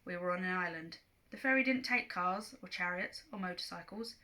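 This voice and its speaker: A woman teacher reads a novel aloud to her class, narrating with lively storytelling. Her voice is bright and clear. She lets the action scenes rise and fall as she goes. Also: fairly low pitch, brisk.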